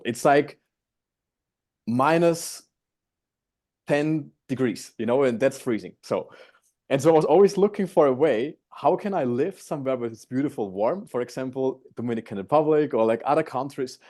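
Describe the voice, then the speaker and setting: A man's voice: mid-range voice, lively intonation, normal speed, dark tone. A man in his twenties from Austria with an Austrian accent, eagerly teaching an online sales masterclass from home on a video call. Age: 20s. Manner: upbeat, eager, slightly non-native phrasing. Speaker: guest speaker.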